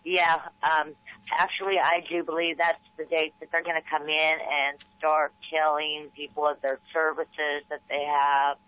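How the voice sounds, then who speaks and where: A man calling into a radio talk show over a crackly phone line that fades in and out, talking haltingly with lots of fillers. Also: on the high side, completely flat delivery. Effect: crackly phone line fading in and out. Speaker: caller. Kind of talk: call-in radio interview.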